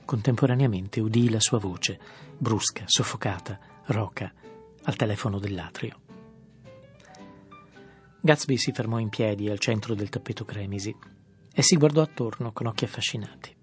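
A man reads a literary audiobook in a low, measured voice, often dropping soft and quiet. Gentle music plays faintly beneath his narration.

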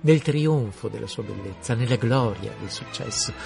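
A man reading a story aloud in a measured, expressive way. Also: medium pitch, gravelly, music in the background. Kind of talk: scripted story narration.

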